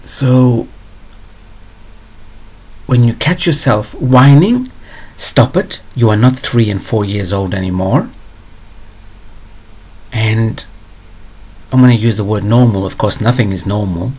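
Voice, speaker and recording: A man's voice: on the low side, slow pace, long pauses, darkish tone, breathy edge. A man hosting a spiritual advice show, answering a viewer question in a blunt, digressive way.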